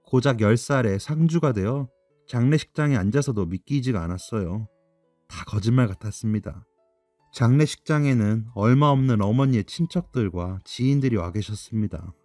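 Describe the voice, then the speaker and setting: A man giving calm, reflective first-person scripted narration of a radio story. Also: medium pitch, normal speed, dry recording, faint music behind.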